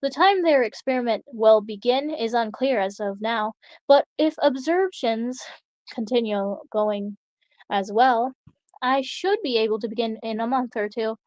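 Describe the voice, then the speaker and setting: A woman's voice: a little high, measured pace, a little mellow, no room sound, close to an everyday voice. A woman reading aloud as a female experimenter dictating her research logs in a matter-of-fact way. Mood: clinical. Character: calm clinical female experimenter writing logs.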